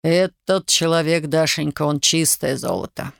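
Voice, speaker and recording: A reader voicing a stern middle-aged father who lectures slowly in an audiobook. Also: medium pitch, vocal fry, a bit bright, dry recording, studio quality. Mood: fervent. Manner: slow and severe.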